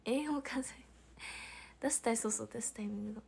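A young woman with a Hiroshima Japanese accent chats casually on a livestream. Her voice sits a little high, and she reads out viewer comments and laughs often. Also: quick pace, gravelly, a little mellow, a little hiss or hum. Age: young adult. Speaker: idol livestreamer.

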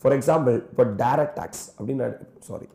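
A man's voice: mid-range voice, racing, darkish tone. A man in his thirties with a South Indian Tamil accent, teaching like an exam coach in an exhortatory way, often addressing his students directly. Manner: exhortatory, with repeated "sir" and stock addresses to students. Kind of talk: animated classroom lecture, switching between languages. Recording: roomy classroom echo.

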